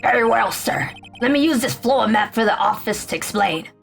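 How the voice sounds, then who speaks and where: A woman's voice: a little high, normal speed, vocal fry, husky, faint music behind, full character voice. A woman voicing a bumbling male police detective in a game, answering in clipped, soldier-like replies. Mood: dutiful.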